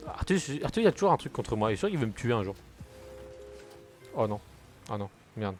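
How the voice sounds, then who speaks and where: A man's voice: fairly low pitch, big pitch swings, brisk, a little mellow, faint music behind. Rambling young man streaming a game. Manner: chatty, rambling, swears at the game. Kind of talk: casual gaming commentary.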